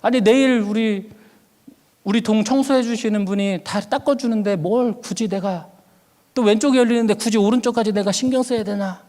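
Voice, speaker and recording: A man's voice: high-pitched, normal speed, mellow. A middle-aged male pastor preaching a sermon, telling a personal story and acting out his own past words. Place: church sanctuary. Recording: long hall reverb.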